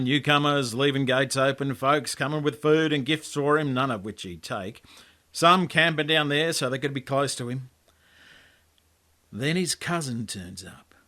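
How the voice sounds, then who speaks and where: An Australian man reads his own story aloud as a laconic, colloquial yarn told in the first person. His mid-range voice sounds pushed and bright.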